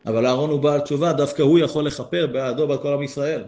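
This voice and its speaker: A man with a somewhat high voice teaches a Torah lesson. He reads passages and explains them earnestly. His pitch climbs whenever he drives a point home. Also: fairly even intonation, a little mellow. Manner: earnest, rises in pitch to stress key points.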